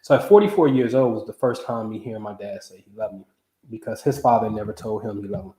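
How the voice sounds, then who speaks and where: A man in his forties hosts a casual astrology livestream, his fairly low, mellow voice moving fast through loose, animated slang. He keeps asking "you know what I'm saying?" The room echoes and the audio is poor.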